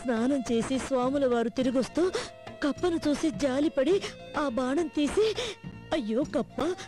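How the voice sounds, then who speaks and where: A woman's voice: high voice, animated, measured pace, dark tone, soft background music. An actress playing a meek, aggrieved middle-aged wife who laments her lot, in a film comedy scene. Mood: plaintive. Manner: plaintive, lamenting.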